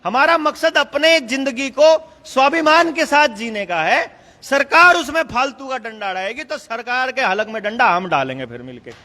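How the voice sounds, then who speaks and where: A man with a very high, bright, forceful voice speaks to a meeting in an emphatic, conversational way, chuckling between points. His voice rings with a long reverb from the hall. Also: expressive, moderate pace, a little hiss or hum. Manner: emphatic, conversational, laughs often. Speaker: speaker addressing a political meeting. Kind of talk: rousing speech to a meeting.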